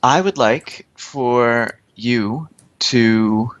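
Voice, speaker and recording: A man's voice: mid-range voice, very slow. A game master voicing a businesslike male fixer who hires runners in a tabletop role-play stream, speaking in his own plain voice. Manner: calm, plain-spoken, ruthless demands. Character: male Mister Johnson, cold businesslike corporate fixer.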